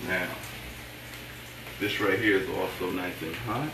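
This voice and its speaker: In a home kitchen, a middle-aged man with a deep, slightly slow voice hosts a cooking show, walking viewers through each step in short, unscripted phrases with approving asides. A distant mic catches the echoey room along with frying sizzle and stirring.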